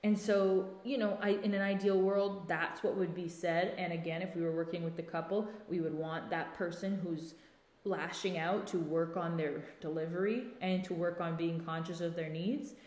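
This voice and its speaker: A woman's voice: on the low side, fairly even intonation, normal speed, a little mellow. Woman coaching listeners on her podcast, keeps saying right? okay?, big echoey room. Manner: direct, coaching, says "right?" and "okay?" often. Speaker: podcast host. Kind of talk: self-help podcast talk.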